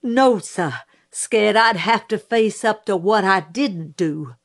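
A woman voicing a calm, respectful young man on the witness stand, speaking plainly. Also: medium pitch, slow pace. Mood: steady. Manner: plain, quiet, polite.

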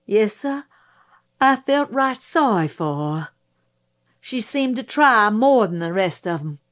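A woman voicing a calm, respectful young man on the witness stand, speaking plainly. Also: mid-range voice, slow. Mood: steady. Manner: plain, quiet, polite.

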